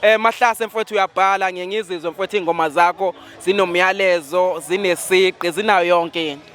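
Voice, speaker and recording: High-voiced man with a Zulu accent. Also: fairly even intonation, brisk, a bit bright. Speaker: interviewer for an online channel. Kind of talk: casual event interview.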